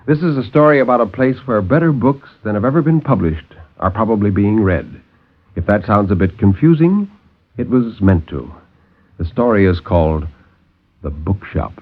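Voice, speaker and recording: On a muffled vintage recording with music underneath, a storyteller and co-host performs a horror tale in the dramatic manner of 1950s literary radio. His voice is lowish with lively intonation and a moderate pace.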